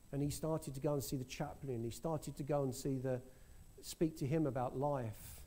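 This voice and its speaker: Guy preaching, tells a story earnestly, warm mellow voice, a bit high. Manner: earnest storytelling, with frequent restarts. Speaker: preacher sharing a testimony. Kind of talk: sermon testimony.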